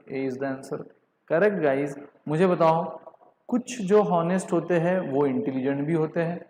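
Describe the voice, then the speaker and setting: A man with an Indian accent giving a live online lecture, switching between Hindi and English, reading statements out slowly and calling on students by name. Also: fairly high pitch, darkish tone, roomy sound, in a large hall, a little hiss or hum. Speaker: online teacher.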